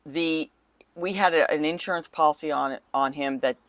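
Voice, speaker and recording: A middle-aged woman dating coach in a casual co-hosted chat, talkative and quick to laugh. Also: deep voice, no room sound. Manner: animated, talkative, laughs easily.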